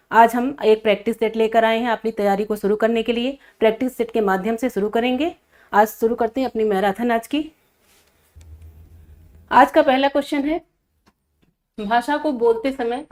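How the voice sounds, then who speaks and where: A woman teaches an online exam-preparation lesson in a high voice. She poses each question to her students, then repeats the answer several times and stresses the key words.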